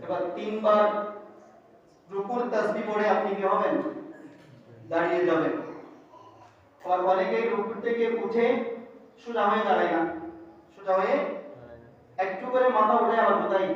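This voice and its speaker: A man's voice: high voice, slight background noise. A man with a Chittagonian Bengali accent, an imam teaching how to pray, often asking the congregation questions for them to answer. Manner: call-and-response questioning. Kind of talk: mosque teaching lesson. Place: mosque hall. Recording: echoey distant hall, dull.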